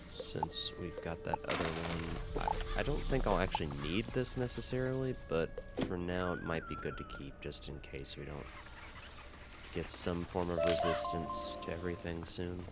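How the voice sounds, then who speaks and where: A man's voice: deep voice, huge pitch swings, normal speed. A man giving casual commentary as he hosts a video game playthrough. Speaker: gamer, playthrough host. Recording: loud game music behind voice.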